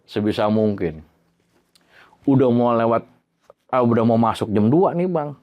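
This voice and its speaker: A man telling his own horror story in a casual, slangy way. He swears freely and acts out the bangs and creaks he heard. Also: mid-range voice, measured pace, dull audio. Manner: animated, imitates sounds like bangs and creaks.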